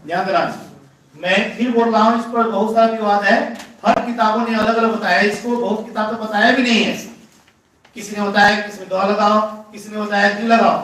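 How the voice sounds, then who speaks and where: A high-pitched male teacher lectures a grammar class, going over each rule again and quizzing his students. His voice lands from a distance in a strongly echoing room. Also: level tone, a little fast, a bit bright. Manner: repeats points, poses rhetorical questions to students. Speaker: English teacher. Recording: very echoey room, voice from far off the mic.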